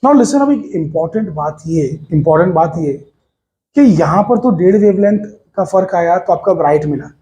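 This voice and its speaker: A man teaching physics to a class of students, lively and coaxing, calling them to listen and asking if they follow. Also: high-pitched, normal speed. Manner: lively, coaxing, addresses students as beta, mixes English phrases.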